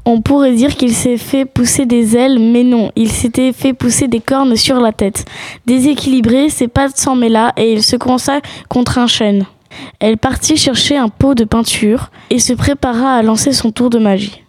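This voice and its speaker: A woman narrates a storybook tale as its storyteller. Her voice sits fairly high, and the sound is close and dry, free of room echo. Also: fairly even intonation, moderate pace, darkish tone.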